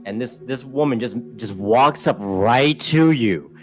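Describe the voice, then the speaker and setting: A man narrating a tabletop game as dungeon master, with a halting delivery full of ums and uhs. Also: mid-range voice, soft background music.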